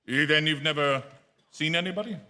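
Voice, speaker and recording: Acting out a radio drama on a theatre stage, a man with a slightly high voice narrates in first person as an uneasy, forceful motorist plagued by a hitchhiker who keeps reappearing. He sounds nervous and evasive, halting and stammering under strain, all within the long reverb of an echoey hall.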